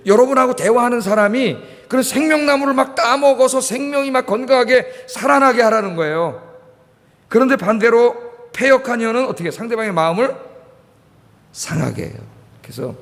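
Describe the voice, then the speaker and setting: Lively high-voiced male pastor preaching. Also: moderate pace. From Korea. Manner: animated preaching, asks the congregation questions, repeats key words. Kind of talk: sermon. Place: church sanctuary. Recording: reverberant church hall.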